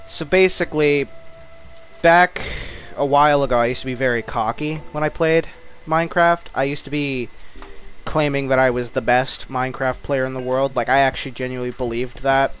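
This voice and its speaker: A man's voice: medium pitch, a bit bright. A man giving casual commentary over his own gameplay, rambling and mocking himself, jittery from too much caffeine. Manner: rambling, self-mocking talk. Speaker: gaming YouTuber.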